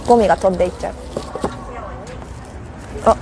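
A woman's voice: mid-range voice, brisk, creaky, noisy background. A young woman from Korea chatting casually in Japanese with a Korean accent that has a Kansai lilt, hosting a live stream on a city rooftop and answering viewers' comments. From South Korea. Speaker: livestream host.

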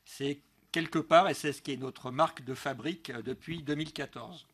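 This middle-aged local councillor reads a prepared political speech at a council meeting, formal and emphatic, stumbling now and then. His mid-range voice moves at normal speed, fairly bright with a breathy edge. He speaks into a gooseneck desk microphone in a large indoor council meeting room.

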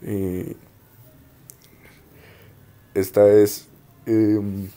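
A young man presenting his degree project in an unhurried, explanatory way, with frequent hesitations. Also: on the low side, flat delivery, mellow. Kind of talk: informal spoken presentation.

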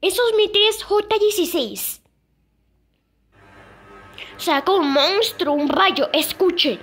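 A young girl casually presenting sound clips, pausing often and repeating "listen" and "I mean". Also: extremely high pitch, lively intonation, a bit bright, faint music behind. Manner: halting, repeats "escuchen" and "o sea". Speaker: video creator presenting moon sounds.

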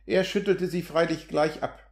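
A man reads a classic novel aloud in a measured, steady way, with a slightly high voice. The room around him adds a noticeable echo to every line. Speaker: audiobook reader. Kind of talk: literary audiobook narration. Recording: roomy echo.

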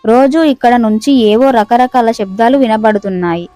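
A woman's voice: on the high side, normal speed, dark tone, dry recording, soft background music, lightly acted. A woman voicing a curious, stubborn young man in a spoken ghost story. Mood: earnest.

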